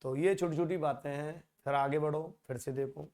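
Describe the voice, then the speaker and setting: A man teaching exam-prep maths in a conversational way, asking rhetorical questions and dropping to a low mutter while he works through sums. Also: steady tone, normal speed, darkish tone.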